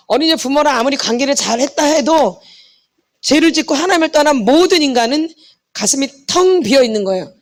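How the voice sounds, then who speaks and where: A middle-aged woman delivers a fervent sermon in a high voice. She presses her congregation with rhetorical questions and answers them herself. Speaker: pastor's wife and healing ministry lecturer.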